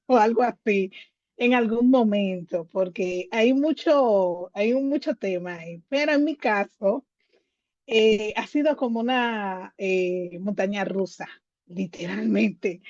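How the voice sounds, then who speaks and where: A woman's voice: medium pitch, darkish tone, no room sound, dull audio. A woman, a mother, speaking as a podcast guest in a reflective, hesitant way with fillers. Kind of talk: casual chat.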